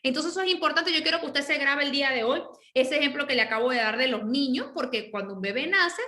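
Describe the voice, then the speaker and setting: Bright-voiced woman pastor teaching. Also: high-pitched, fast. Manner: checks in with the listeners with a frequent "ok?"; explains patiently and repeats her key points. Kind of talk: teaching sermon. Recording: roomy echo.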